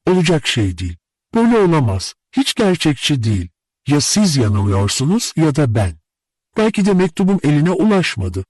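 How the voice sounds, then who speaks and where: A man's voice: fairly high pitch, expressive, measured pace, darkish tone, no room sound, pitched above the performer's own voice, rough recording. A man voicing a heartbroken pleading young woman. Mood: distraught. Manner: tearful, pleading, breathless questions. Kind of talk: audiobook character reading.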